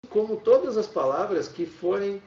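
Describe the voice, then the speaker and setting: A man's voice: high-pitched, lively intonation, moderate pace, dark tone, recorded from a distance. A man with a Brazilian accent giving an online Spanish class, explaining with frequent "tá?" checks and restarts. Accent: Brazilian Portuguese. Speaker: Spanish teacher. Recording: echoey room, dull lo-fi sound.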